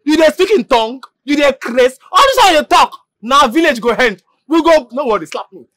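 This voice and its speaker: Film drama: loud mocking student, Nigerian Pidgin, animated and bright. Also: male voice, extremely high pitch, brisk, no echo, clean studio sound, heavily acted. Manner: taunting, loud scolding.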